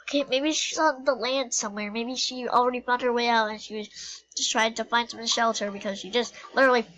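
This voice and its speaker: A flustered coyote pilot who stammers and rambles, filling every gap with ums and likes, as a woman plays him in a homemade animal skit. The voice sits a bit high for a woman. It keeps tripping over its own words. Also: steady tone, fairly quick, fairly bright tone, natural voice, poor audio. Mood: panicked. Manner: stammering, rambling, filler-heavy.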